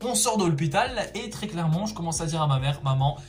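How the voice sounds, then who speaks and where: A young man chatting casually through a personal story, slangy and expressive, exclaiming for emphasis. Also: fairly high pitch, quick pace, soft background music. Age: young adult. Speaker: storytelling vlogger.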